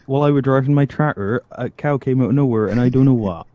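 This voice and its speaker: A man putting on a rural English farmer accent, telling a farm story in a loud, hearty manner. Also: mid-range voice, fast, dry recording, muffled recording, lightly acted. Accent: put-on English farmer accent.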